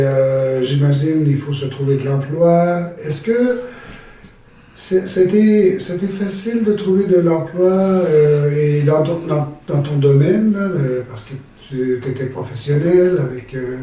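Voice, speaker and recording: A man's voice: fairly high pitch, takes it slowly, warm tone. A man hosting a conversational interview, asking questions hesitantly with many fillers and restarts. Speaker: podcast host. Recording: distant mic with heavy room echo and faint ambience.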